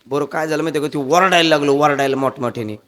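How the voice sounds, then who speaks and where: A man telling a comic devotional story as a kirtan preacher, acting out the characters in raised voices. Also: racing. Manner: animated, acts out characters with raised pitch.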